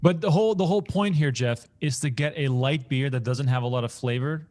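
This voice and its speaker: A man's voice: medium pitch, a little fast, a little mellow, soft background music. A man co-hosting a poker stream, chatting casually with dry, teasing humor. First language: Dutch. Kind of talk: casual co-host banter.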